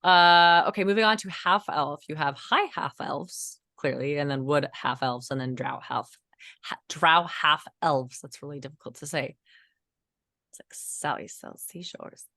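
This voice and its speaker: A woman with a low voice, still getting over a cold, chats casually as a co-host. She rambles through fillers and restarts with the odd giggle. The sound is dry and close. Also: measured pace, pushed and bright, no room sound. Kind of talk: casual chat.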